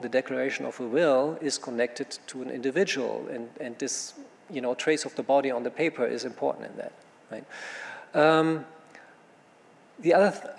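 Male panelist, gravelly, halting and thinking aloud, recorded in a reverberant hall. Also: medium pitch. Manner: thinking aloud, with many fillers and restarts. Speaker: panel speaker. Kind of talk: panel talk answering questions. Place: conference room. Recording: hall reverb with faint room noise.

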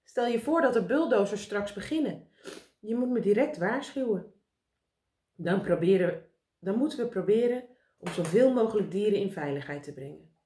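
Een vrouw doet bange meneer Pen. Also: female voice, medium pitch, lively intonation, moderate pace, dark tone, natural voice. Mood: worried. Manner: worried, fussy, insistent. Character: anxious fussy elderly gentleman, Mr. Pen. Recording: roomy echo.

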